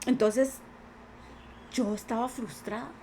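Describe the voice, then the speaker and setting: Earnest Costa Rican woman, a little high-voiced, telling her own story on a podcast, faint background hiss. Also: fairly even intonation, takes it slowly, a little mellow. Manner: earnest, many quoted voices. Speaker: podcast guest. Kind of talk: personal testimony in conversation.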